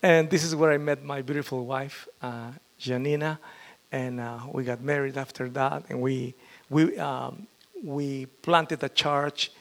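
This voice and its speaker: Pastor, halting delivery. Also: male voice, medium pitch, fairly even intonation, creaky, fairly bright tone. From Peru. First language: Spanish. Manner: halting, with frequent fillers and restarts. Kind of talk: testimony sermon.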